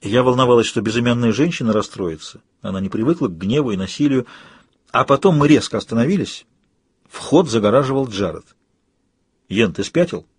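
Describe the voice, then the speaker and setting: Husky male audiobook narrator. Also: medium pitch, animated, brisk, dry recording, clean studio sound.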